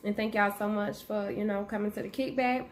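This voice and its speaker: A woman hosting her own channel, chatting casually with viewers while chewing gum, with a relaxed, friendly manner. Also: mid-range voice, fairly quick. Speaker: channel host. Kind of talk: casual vlog chat. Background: faint noise of her dog moving around.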